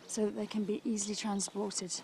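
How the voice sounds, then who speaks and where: A woman's voice: mid-range voice, little pitch movement, fairly quick, noisy background. A woman presenting a nature documentary in the field, giving unscripted, exclamatory commentary as she works. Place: on location during animal work. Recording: loud music under location sound.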